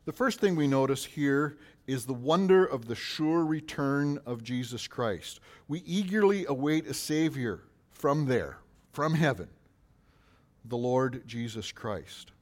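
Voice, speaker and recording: A man's voice: mid-range voice, lively intonation, a little slow. Guy preaching a sermon, his voice goes up on the questions and drops on the answers. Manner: preaching with rising questions and falling, quieter answers. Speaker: pastor.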